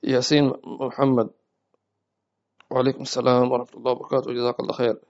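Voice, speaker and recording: A male religious teacher on a live-streamed lesson, reading viewers' messages and answering with gentle advice and quickly repeated prayers. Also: mid-range voice, completely flat delivery, lo-fi sound.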